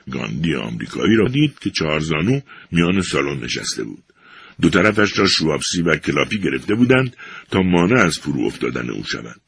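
An older man narrating an audiobook in an expressive storytelling manner. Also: low-pitched, creaky, husky.

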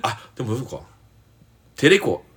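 A man's voice: medium pitch, big pitch swings, normal speed, a bit bright. A man with an Osaka accent, a podcast guest working through a dialect quiz in casual chat and reading each question aloud. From Osaka, Japan.

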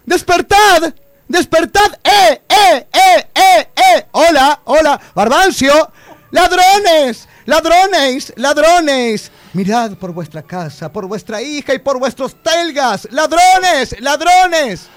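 A man's voice: sits high, sing-song, moderate pace, few pauses, no echo. A man with an Argentine accent playing a stage actor who declaims classic lines grandly, then argues with his director. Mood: shouting. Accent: Rioplatense Argentine. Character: earnest, pompous male actor rehearsing a classic.

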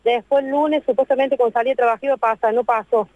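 A woman's voice: a little high, fairly even intonation, no echo. A woman in her thirties with an Argentine accent, telling her story on a radio show in a distraught way and repeating herself. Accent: Argentine Spanish. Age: 30s. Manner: distraught, repeats herself, talks in long rushed runs. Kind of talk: emotional phone interview. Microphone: phone. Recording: dry tinny phone line.

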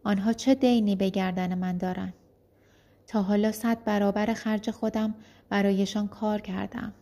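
A woman's voice: mid-range voice, fairly even intonation, vocal fry, dark tone, close to an everyday voice. A woman voicing a bitter, defiant young enslaved man. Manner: angry, bitter protest.

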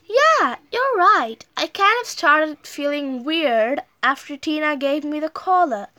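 A woman's voice: sits high, animated, takes it slowly, sharp tone, exaggerated voice. A woman voicing a cheerful young male pet who can talk and fly in a children's story. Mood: eager.

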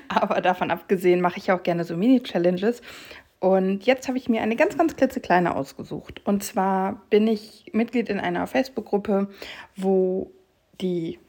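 A woman's voice: mid-range voice, normal speed, a little mellow. A young woman hosting her own podcast, chatting casually and rambling with fillers and restarts. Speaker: podcast host. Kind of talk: casual solo podcast talk.

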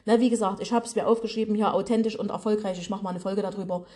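A fast-talking woman with a warm, steady, medium-pitched voice gives a motivational podcast monologue from her office. As a business and mindset coach with a regional German dialect, she speaks colloquially and goes straight at her listeners.

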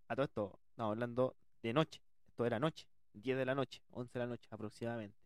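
A man telling a comic personal story in slangy, animated speech. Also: medium pitch, no echo. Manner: animated, loud outbursts, slangy.

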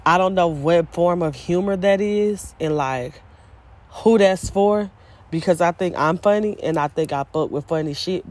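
A woman's voice: low voice, a little mellow, rough recording. A woman vlogging in casual chat, rambling and opinionated, with plenty of swearing and filler words. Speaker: vlogger and small business owner.

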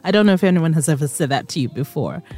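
A woman's voice: deep voice, animated, quick pace, darkish tone. A woman hosting a radio show. She chats casually and playfully with her guest in a studio and laughs easily.

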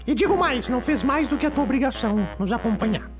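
Someone playing a high-pitched, blunt southern Brazilian woman. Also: expressive, fast talker. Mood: cheeky. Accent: southern Brazilian, Rio Grande do Sul. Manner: blunt, teasing, complaining. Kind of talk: comic radio banter. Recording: music bed behind the voice.

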